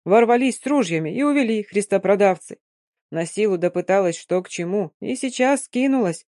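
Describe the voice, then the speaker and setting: A woman's voice: mid-range voice, expressive, brisk, no echo, studio quality, natural voice. Woman voicing a fierce old Romani nomad woman. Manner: loud, scolding, emphatic.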